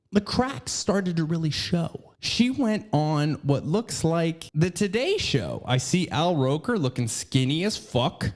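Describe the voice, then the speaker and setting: A man hosting a podcast, ranting comedically in a crude, rambling way. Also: a little high. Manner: crude, animated, rambling asides. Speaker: podcast host.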